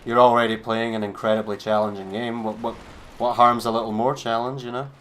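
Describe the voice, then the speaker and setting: A man's voice: medium pitch, little pitch movement, fairly quick, a bit bright, a little hiss or hum. A man streaming a game, giving laid-back, chatty commentary with a wry edge. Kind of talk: casual gameplay commentary.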